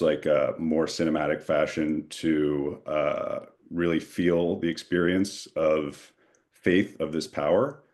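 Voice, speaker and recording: Director at a Q&A, man, very low voice, thoughtful and searching. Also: a little mellow. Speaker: film director and producer. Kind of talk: Q&A panel answer.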